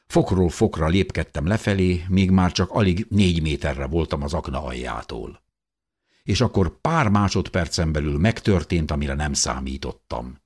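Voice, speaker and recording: A man narrating an audiobook in the first person with an expressive, dramatic reading. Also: extremely low pitch, slightly rough.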